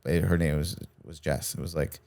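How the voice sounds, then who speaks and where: A man's voice: a bass voice, normal speed, creaky. A man co-hosting a podcast in casual chat, telling stories and acting out the voices of the people in them. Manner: animated storyteller, acts out quoted voices. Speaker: podcast co-host, stand-up comic.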